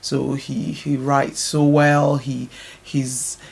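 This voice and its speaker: A woman's voice: extremely low pitch, flat delivery, extremely slow, vocal fry, a little mellow. A woman who grew up in Nigeria, talking casually as an interview guest about her businesses and background, with many fillers. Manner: thoughtful, explains at length with many fillers.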